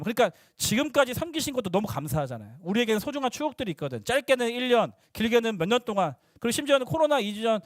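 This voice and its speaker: Animated, high-voiced young male pastor. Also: no room sound, studio quality. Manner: lively, teasing, talks to teens in casual speech. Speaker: youth pastor. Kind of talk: sermon to middle schoolers.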